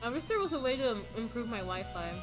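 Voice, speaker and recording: A young adult woman streaming live chats casually from her computer, alone indoors on a voice call setup, with music playing behind her. She's a fast talker whose a-little-high voice swings widely in pitch, and her talk is rambling, self-deprecating and slangy.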